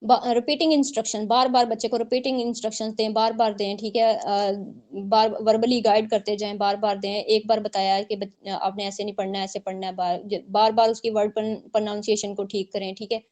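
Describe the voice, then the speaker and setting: A woman's voice: medium pitch, flat delivery, a little fast, few pauses, darkish tone. A woman teacher, explaining points and checking in often with her online students. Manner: explanatory, repeats points with frequent "theek hai" checks. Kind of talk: online exam-prep lecture.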